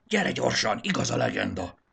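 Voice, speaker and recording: A man voicing an anxious but daring young male hero in a storybook reading, his voice jumping up high when excited. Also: creaky, husky, full character voice.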